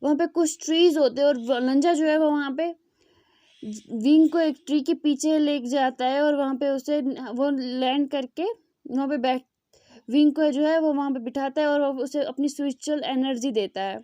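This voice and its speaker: A woman's voice: sits high, steady tone, normal speed, warm tone, no echo. A young woman retelling a fan story in a loose, spoken way, with many fillers and restarts.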